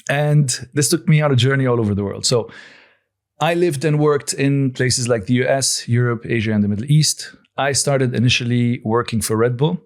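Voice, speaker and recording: A Lebanese-born man in his forties, raised in Lebanon, appears as a guest on a podcast as the founder of a coffee company. With a medium-pitched voice, he answers thoughtfully and measuredly, often pausing and restarting.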